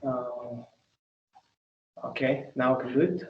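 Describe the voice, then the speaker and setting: A man working as an application engineer gives a halting, polite presentation over a video call. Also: mid-range voice, level tone, slight background noise. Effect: video call audio. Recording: echoey, distant, muffled video call.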